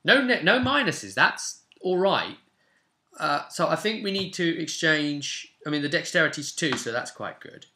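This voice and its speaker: His voice is on the high side with big pitch swings, unhurried and sharp in tone. The man, in his twenties, runs a tabletop roleplay channel and is casually explaining the game to viewers, thinking aloud as he rolls a character. Background hiss, clicks and a roomy echo come from his small home room.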